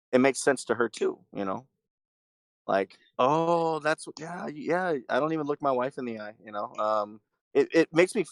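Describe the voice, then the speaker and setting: A man's voice: medium pitch, dry recording. A man speaking as a podcast guest, hesitant, with a dry self-deprecating humor. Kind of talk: casual chat.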